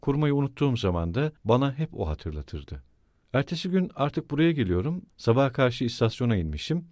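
A man's voice: medium pitch, sing-song, a little fast, a little mellow, no room sound, clean studio sound, natural voice. A man voicing a brooding, eerie, absent-minded middle-aged landowner in an audiobook reading, with a musing, rambling delivery.

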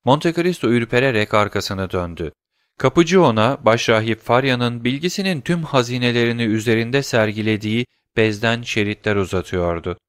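A man narrating an audiobook in a calm, steady reading manner. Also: fairly low pitch, clear, resonant tone, no room sound, clean studio sound.

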